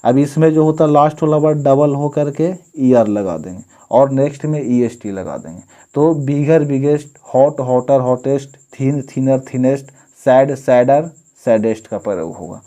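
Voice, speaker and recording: Mellow-voiced man teaching grammar. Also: medium pitch. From India. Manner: explains slowly, reads word lists out one by one. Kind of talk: classroom-style grammar lesson.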